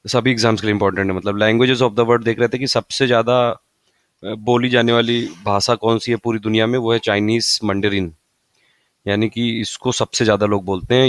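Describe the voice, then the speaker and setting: A man's voice: lowish voice, no room sound. A man teaches like an exam-prep tutor. He rambles through lists, repeats figures and stops on fillers. The sound is dry and close, with little room. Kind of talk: casual explanatory lesson.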